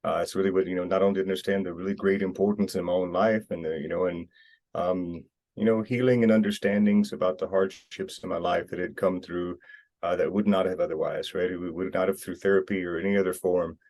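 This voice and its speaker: Guy with a really low voice, earnest, rambling, lots of restarts, interview guest. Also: steady tone, brisk, a little mellow. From United States. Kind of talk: casual interview talk. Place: Costa Rica.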